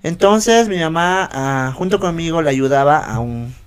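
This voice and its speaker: A man's voice: a little high, animated, a little slow, smooth. A young man co-hosting a podcast, bantering and teasing with lots of slang and laughter. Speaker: podcast co-host. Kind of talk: casual chat. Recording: noisy recording.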